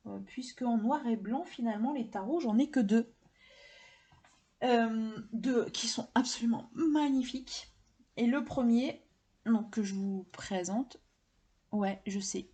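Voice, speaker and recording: A woman with a mellow, mid-range voice talks to camera about her tarot and oracle decks. She's enthusiastic and rambling, filling her casual chat with fillers as she shows the collection.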